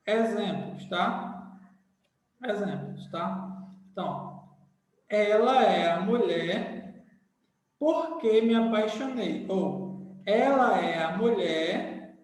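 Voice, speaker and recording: A man's voice: sits high, drawn-out words, pauses often. A man teaching a grammar lesson to a class, repeating key phrases and checking in with his students. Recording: echoey hall, voice far from the mic.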